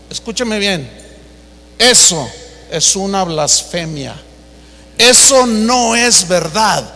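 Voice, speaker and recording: A man's voice: sits high, bright, forceful tone, big-room sound. A man preaching a sermon, telling stories and speaking emphatically and directly to his congregation.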